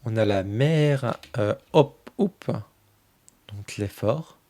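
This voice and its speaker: A man hosting a tarot channel, casually flipping through a new oracle deck and fondly commenting on each card in a soft voice that often trails off. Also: fairly low pitch, expressive, very slow.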